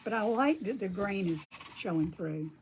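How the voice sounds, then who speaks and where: Painting on a crafting livestream, a soft-spoken older woman reads viewer comments and murmurs to herself in casual chat. Her medium-pitched voice is expressive at a normal speed, with slight background noise present.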